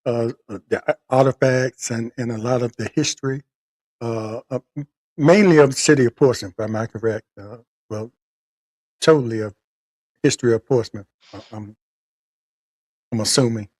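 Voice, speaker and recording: A male host heard over a remote call line that keeps breaking up and dropping out. He talks haltingly, stopping and restarting his sentences and filling gaps with hesitations. His voice sits at an ordinary pitch, and the sound is dry, with no room echo. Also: a little mellow. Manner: halting, many fillers and restarts. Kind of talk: interviewing a guest over a call.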